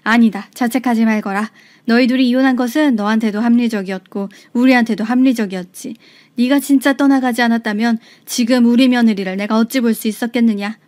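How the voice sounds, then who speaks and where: A woman voicing a stern older mother-in-law who scolds forcefully. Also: fairly high pitch, steady tone, fairly quick, natural voice. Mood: cold.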